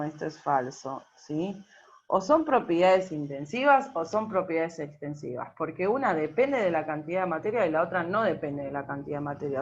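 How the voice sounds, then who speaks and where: Woman teacher, patient and checking in often, fairly low voice, muffled lo-fi recording. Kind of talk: recorded class explanation. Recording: dull lo-fi recording.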